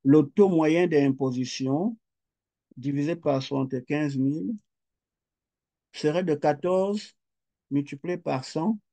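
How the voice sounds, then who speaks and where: This middle-aged Quebec man has a fairly high-pitched voice with a dark tone. Giving a recorded lecture, he moves through the calculations one step at a time, slow and methodical, saying each figure aloud as he writes it down.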